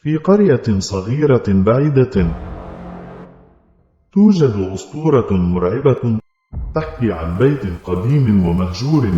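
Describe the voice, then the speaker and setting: A man's voice: medium pitch, sing-song, measured pace, dark tone, lo-fi sound. A man reading a scripted horror story as its narrator. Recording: very echoey, long reverb, music behind. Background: clear music.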